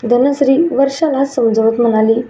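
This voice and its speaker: A woman's voice: fairly high pitch, fairly even intonation, normal speed, mellow, slight background noise. A woman reading a scripted story aloud, giving each character a lightly shifted voice. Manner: reads dialogue lines in lightly shifted voices. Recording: muffled and echoey room.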